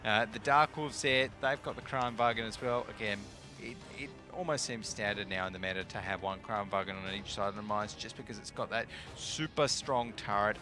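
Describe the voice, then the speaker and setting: A man's voice: fairly low pitch, pushed and bright. A man casting a live tank esports match, chatty and analytical, with the odd joke. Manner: chatty, analytical, tossing in jokes. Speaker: esports commentator. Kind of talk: live esports play-by-play commentary.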